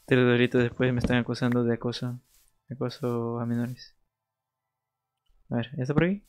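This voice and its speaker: Male streamer, playful and chatty, mid-pitched, casual gameplay commentary with sing-song asides. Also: flat delivery, moderate pace, a little hiss or hum. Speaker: gaming streamer.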